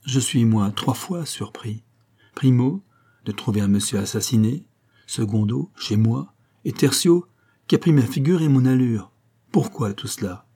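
A man voicing an excitable foreign businessman who speaks in exclamations with an odd accent. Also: medium pitch, measured pace, husky. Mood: astonished.

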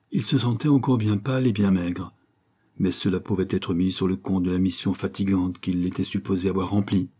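A man reads a classic novel aloud in a measured, even narration. His voice sits low, dark and mellow. It has a husky edge. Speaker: audiobook narrator.

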